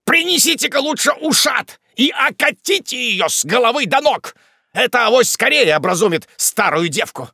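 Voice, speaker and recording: A man voicing an irascible old country squire who blusters and shouts in outrage. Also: a little high, very animated, unhurried, husky, dry recording, studio quality, full character voice. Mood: furious.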